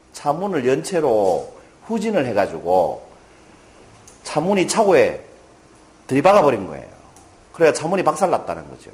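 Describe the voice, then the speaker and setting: A man with a medium-pitched voice gives a motivational lecture to a live audience, animatedly telling stories and putting questions to his listeners.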